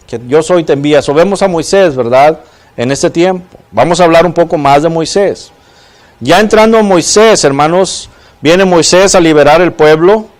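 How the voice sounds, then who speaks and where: A man preaches in a church. He asks the congregation questions and keeps checking in with "¿verdad?". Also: on the high side. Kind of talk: sermon.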